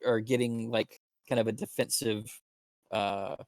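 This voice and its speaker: Halting man running a tabletop game. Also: on the low side, steady tone, a little mellow, no room sound. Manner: halting, full of fillers and restarts. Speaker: dungeon master.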